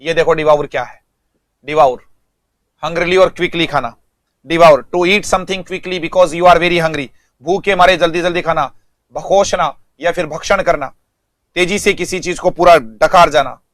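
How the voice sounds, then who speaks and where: A man's voice: fairly high pitch, a little slow, a bit bright, dry recording. A male English teacher giving an online vocabulary lesson, speaking, repeating words and quizzing students.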